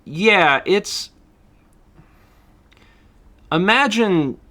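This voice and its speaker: Lively bright-voiced male streamer. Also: high-pitched, extremely slow. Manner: chatty, laughs often, reads out donations. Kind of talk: casual livestream chat.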